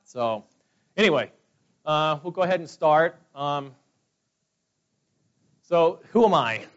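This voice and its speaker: He's a man in his forties from California whose voice sits on the high side, expressive and slow-paced. In dull lo-fi audio, he delivers casual personal testimony at a business meeting, rambling and chatty with plenty of fillers.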